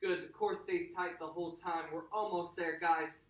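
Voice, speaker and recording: A man coaching a kids' workout, out of breath, cheering people through holds and then calmly guiding stretches. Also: a little high, normal speed. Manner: energetic hype shouting during sets, calmer during stretches. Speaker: fitness instructor. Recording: echoey room, mic at a distance.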